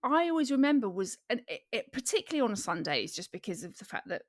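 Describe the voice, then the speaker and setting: A woman from England co-hosting a podcast, chatting casually with halting restarts and frequent agreement. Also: on the high side, big pitch swings, dry recording, studio quality. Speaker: podcast co-host. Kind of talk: casual chat.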